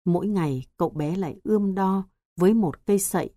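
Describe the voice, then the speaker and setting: A woman narrating a storybook in a calm, measured reading. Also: lowish voice, no echo, clean studio sound. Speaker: audiobook narrator.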